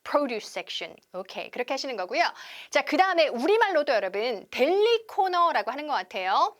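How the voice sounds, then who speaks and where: A woman teaching English conversation on a TV lesson, drawing out each model word slowly for viewers to repeat. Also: high-pitched. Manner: lively teacher, slow drawn-out model English words for repeating.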